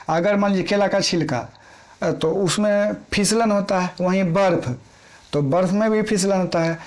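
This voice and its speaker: A man's voice: on the high side, darkish tone. A man teaching an exam-prep physics lesson in plain everyday Hindi, repeating key points and asking questions he answers himself.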